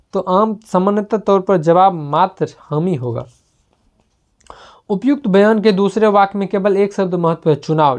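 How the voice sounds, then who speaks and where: A woman reading a self-help book aloud in a steady manner, with small slips and restarts. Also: medium pitch. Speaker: book reader.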